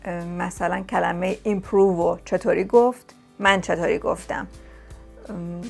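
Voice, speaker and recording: Gravelly-voiced woman chatting to camera. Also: lowish voice, steady tone, faint music behind. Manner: chatty, repeats words for emphasis. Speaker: vlogger sharing language-learning tips. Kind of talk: casual talk to camera. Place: lives in England.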